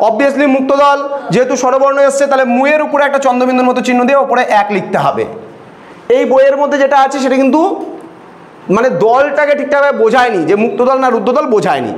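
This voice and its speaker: A man's voice: extremely high pitch, brisk. Male tutor, classroom lesson, patient, repeats points, echoey room. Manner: patient, asks the students questions and repeats points.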